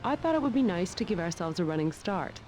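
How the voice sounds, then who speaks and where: An actress playing a confident woman time traveler in a computer game, brisk and a little motherly. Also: fairly low pitch, big pitch swings, a little mellow, slight background noise. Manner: brisk, self-assured, chiding.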